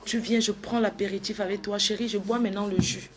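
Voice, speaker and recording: A woman doing a comedic sketch monologue to an unseen lover, playful and theatrical, shifting between sweet coaxing and loud outbursts. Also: mid-range voice, fairly even intonation, fairly quick. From Africa.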